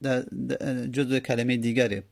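A man teaching a grammar lesson, explaining slowly and repeating word forms as he spells them out. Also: medium pitch, little pitch movement, vocal fry. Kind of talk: Arabic grammar lesson in Persian.

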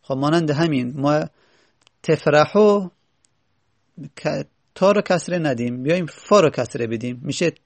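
Male teacher, gravelly voice, somewhat high pitch, patient step-by-step lecture, reads text then explains. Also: expressive, pauses often, dry recording. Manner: rhetorical questions to the class. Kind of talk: classroom lecture reading and explaining a grammar text.

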